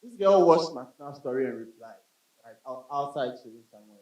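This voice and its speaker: A man's voice: mid-range voice, expressive, fairly quick, darkish tone. A man doing stand-up comedy on a club stage in a chatty style, addressing the crowd as bro. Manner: conversational, addresses the audience as bro. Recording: roomy club sound from a distance.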